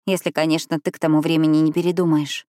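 Woman doing a firm young woman, low voice, dry. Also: little pitch movement, fast talker, dark tone, no echo, lightly acted.

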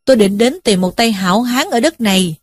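A woman's voice: a little high, animated, a little fast, dry recording. A woman voicing a burly young man caught as a thief, pleading in a raised, wailing voice. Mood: earnest.

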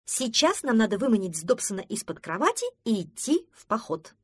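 A woman's voice: a little high, big pitch swings, moderate pace, husky, no echo, studio quality. A woman voicing a cheerful girl in a children's audiobook, eager and emphatic. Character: bright, cheerful girl who loves holidays.

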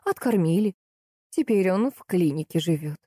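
A woman's voice: lowish voice, lively intonation, moderate pace, mellow, slightly rough, no room sound, studio quality. A woman voicing a chatty, kindly woman who works at a clinic, read in a plain conversational way.

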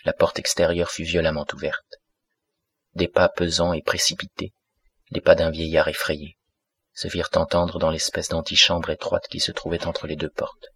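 A man narrating a classic novel as an audiobook in a measured, steady way, close to the mic. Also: sits low, gravelly, slightly rough.

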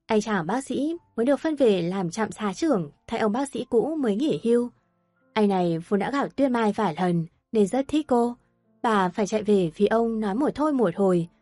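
A woman narrating an audio story with steady, even storytelling. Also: mid-range voice, no echo.

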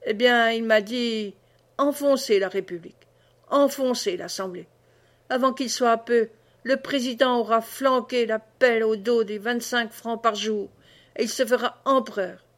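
A woman voicing a drunk, boastful old peasant man who blusters oaths and hiccups, slightly lower and slower than her own voice. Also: natural voice.

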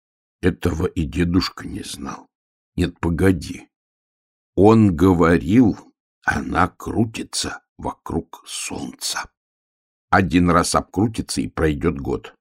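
A man voicing a young bear cub who talks slowly and a little pompously, as if he knows it all. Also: low voice, animated, breathy edge, no room sound, studio quality, heavily acted. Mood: musing. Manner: slow, knowing, a little pompous. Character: young bear cub, calm and self-important.

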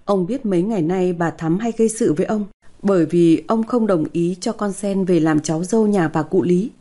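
A woman storyteller reading a sad village tale in a steady, plaintive way. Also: fairly low pitch, normal speed. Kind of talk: scripted narration of a folk tale.

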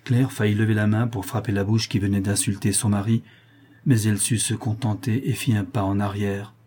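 A man reads a classic novel aloud in a measured, steady way. His voice is low, dark and mellow, with a husky grain. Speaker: audiobook reader. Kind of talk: literary narration.

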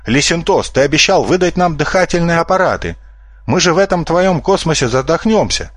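A man's voice: on the high side, expressive, a little fast, no room sound, studio quality, voice pushed up. A man voicing an anxious male giraffe who talks in a worried, complaining way. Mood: alarmed.

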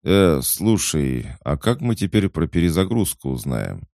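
A man's voice: deep voice, very animated, a little slow, vocal fry, a little mellow, no room sound, studio quality, pitched above the performer's own voice, exaggerated voice. A man voicing Cross, a puzzled male fighter who mutters his questions.

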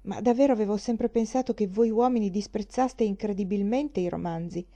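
A woman's voice: mid-range voice, brisk, dark tone, close to an everyday voice. A woman reading the part of a naive young woman who talks with earnest enthusiasm. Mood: eager.

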